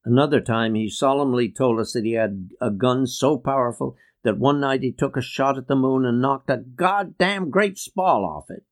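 Brief: male memoir reader, mid-pitched, measured and reflective. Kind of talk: reading a memoir aloud.

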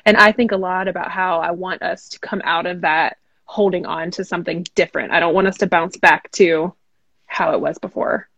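Gravelly-voiced woman hosting a podcast. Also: fairly low pitch, steady tone, moderate pace, a bit bright, no room sound. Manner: encouraging, affirming listener. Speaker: podcast host. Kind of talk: casual interview chat.

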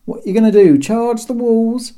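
A man voicing a cheeky male lookout who loudly mocks invaders from a city wall in a storybook reading. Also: very high-pitched, normal speed, pitched above the performer's own voice. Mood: mocking. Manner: loud, jeering, cockney-style banter.

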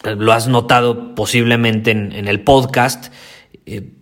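A man with a Mexican accent hosting a podcast, talking loudly and intensely and repeating his key points for emphasis. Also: mid-range voice, fairly even intonation, takes it slowly. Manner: loud, intense delivery. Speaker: podcast host. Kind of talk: motivational podcast monologue.

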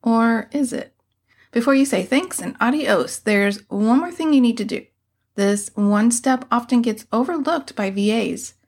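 A woman's voice: on the high side, darkish tone. A woman hosting a scripted solo advice podcast in an upbeat, tidy vlogger manner, with playful, casual phrasing. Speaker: podcast host and mentor for virtual assistants.

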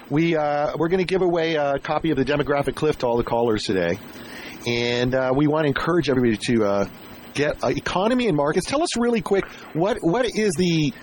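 A man hosting a casual radio interview, rambling haltingly and repeating words as he shapes his questions. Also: on the high side, slight background noise. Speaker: radio show host interviewing a guest.

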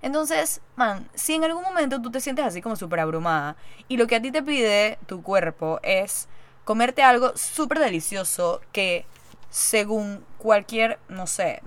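A young woman hosting a podcast, telling a story in a chatty, animated way and acting out the lines she quotes. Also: mid-range voice. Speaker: podcast host. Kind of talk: casual storytelling monologue.

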